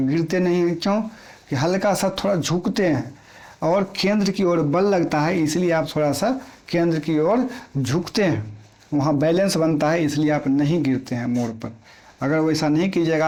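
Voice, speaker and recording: This exam-prep physics lesson is delivered by a man whose voice sits on the high side and sounds a little mellow. He uses plain, everyday Hindi, goes over key points more than once, and answers his own questions.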